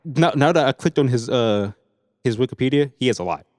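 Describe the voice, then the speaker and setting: A man's voice: medium pitch, animated, a little fast, a little mellow, clean studio sound. Casting: easygoing male podcast co-host, mid-range voice, some lingering reverb. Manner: laid-back, chewing gum while reading stats. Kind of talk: casual chat.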